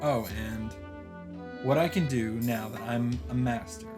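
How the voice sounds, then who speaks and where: A man with a mid-range voice takes his time as he hosts a let's play, reading story narration expressively with a few casual asides. Music can be heard under his speech.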